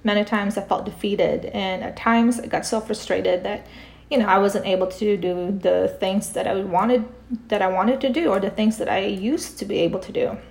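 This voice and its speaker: Gravelly-voiced middle-aged woman, calm. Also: mid-range voice, moderate pace. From Philippines. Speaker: guest, parent coach and author. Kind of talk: podcast interview.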